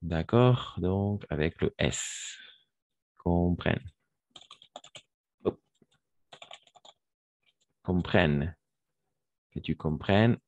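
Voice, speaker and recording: A man's voice: low-pitched, expressive, takes it slowly, a little mellow, muffled recording. A man teaching a French grammar lesson online, patiently repeating verb forms and praising his students.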